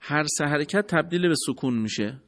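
A man's voice: a little high, expressive, fairly bright tone. A man teaching Quran recitation in a scripted radio lesson, formal and courteous, explaining step by step.

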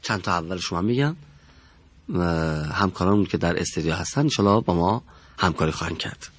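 A middle-aged man teaching a pronunciation lesson in a studio, speaking slowly, formally and deliberately. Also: sits low, lively intonation.

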